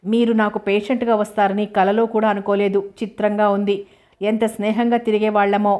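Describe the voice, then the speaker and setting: A woman narrator voicing a caring female doctor who teases her patient in a brisk, practical way. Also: medium pitch, little pitch movement, a little mellow, lightly acted.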